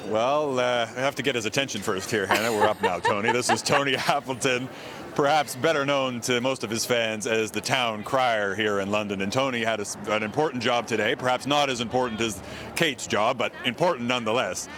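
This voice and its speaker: A man's voice: medium pitch, a little fast. A man working as a television news reporter, doing a live interview on location outdoors. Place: outdoors on a busy city street among a crowd. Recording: busy outdoor crowd noise. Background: crowd and street traffic.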